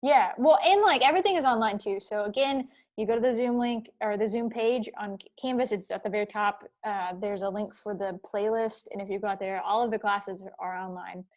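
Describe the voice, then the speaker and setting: A woman's voice: mid-range voice, brisk, few pauses, a little mellow. A woman teaching a university class over a video call. She talks casually and rambles, with lots of fillers and playful asides. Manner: chatty, rambling, many fillers; playful, sings snatches. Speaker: university instructor. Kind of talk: casual online lecture. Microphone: computer mic on video call.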